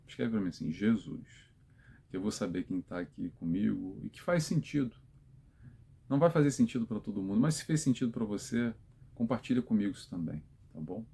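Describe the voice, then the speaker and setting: A man's voice: lowish voice, expressive, brisk, vocal fry, mellow, slightly rough. A man hosting an informal spiritual talk, giving advice straight to viewers in a conversational way.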